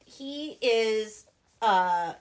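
Young Minnesotan woman, true-crime co-host, slightly high voice, rambling and giggly. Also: animated, drawn-out words. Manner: rambling, giggly, many fillers. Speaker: podcast co-host. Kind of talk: casual true-crime chat.

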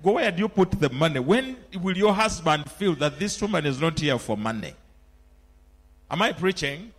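Ugandan preacher, high and lively. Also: male voice, moderate pace. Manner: mixes in phrases of a local language. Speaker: pastor. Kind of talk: sermon.

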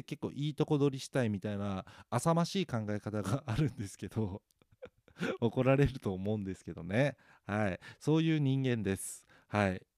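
A man's voice: medium pitch, a little mellow, no echo, studio quality. A man chatting alone, self-mocking and rambling, with many fillers. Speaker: podcast host. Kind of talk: casual solo chat.

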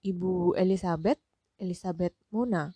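Woman doing a polite nervous visitor, careful, a bit louder than her narration, dry sound. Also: lowish voice, moderate pace, breathy edge, no room sound.

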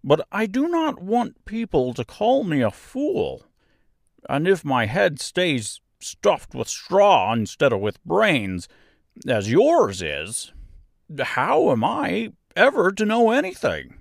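The Scarecrow, high, slow and swooping. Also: male voice, huge pitch swings, no echo, clean studio sound, heavily acted. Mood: confiding, earnest. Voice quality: rather husky. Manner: slow, drawn-out, swooping delivery. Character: friendly, naive living scarecrow, earnest and polite.

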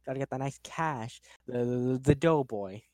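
A man voicing a pushy 1920s businessman selling cars, with fast salesman patter. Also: mid-range voice, darkish tone, no echo, lightly acted. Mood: smarmy.

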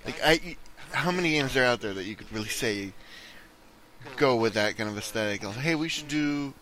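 A man's voice: fairly low pitch, a little fast, bright, forceful tone, low-quality recording. A man co-hosting a gaming podcast, easygoing and opinionated in casual chat. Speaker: podcast co-host.

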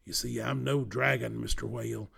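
A man's voice: medium pitch, fairly even intonation, normal speed, creaky, a bit bright, husky, exaggerated voice. A man doing a friendly big monster. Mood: pleading. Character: friendly big male monster, earnest and good-humored.

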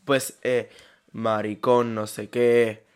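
A young man, co-hosting a casual podcast and telling stories in an animated way, laughing often. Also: medium pitch, takes it slowly, clean tone. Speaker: podcast co-host. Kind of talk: casual chat.

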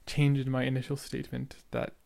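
A young adult podcaster reacts to his own episode with a darkish, ordinary-pitched voice, brisk pace, vocal fry, and a completely flat delivery. He's earnest and casual, rambling through his thoughts with a noticeable stutter and plenty of fillers.

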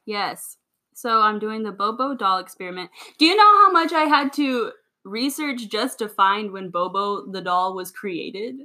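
A woman's voice: mid-range voice, lively intonation, measured pace, pushed and bright. A young woman co-hosting a casual trivia chat, laughing often and tripping over her words. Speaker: podcast co-host.

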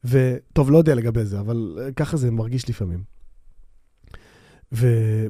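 Dark-voiced man rambling on his podcast. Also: medium pitch, no echo, studio quality. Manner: rambling, with many fillers and restarts; self-deprecating and quick to laugh. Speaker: podcast host; bassist. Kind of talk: casual solo podcast monologue. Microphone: new microphone on a stand.

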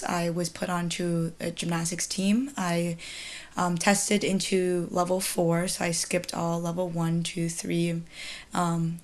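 In her twenties and from China, a student athlete who speaks Mandarin as her first language answers interview questions. Her voice is fairly low, and she fills her replies with lots of hesitant ums.

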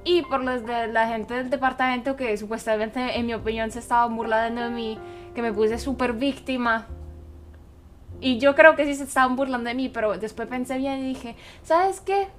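A woman's voice: fairly high pitch, fairly even intonation, normal speed, soft background music. A woman from Italy, speaking Spanish with an Italian accent, candidly telling a personal story as a guest.

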